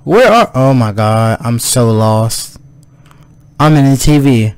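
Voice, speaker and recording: A man playing a horror game and reacting out loud, jumpy and exclaiming as he talks to himself. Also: mid-range voice, animated, slow, clean tone, no echo. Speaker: gaming video host. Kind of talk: let's play commentary on a horror game.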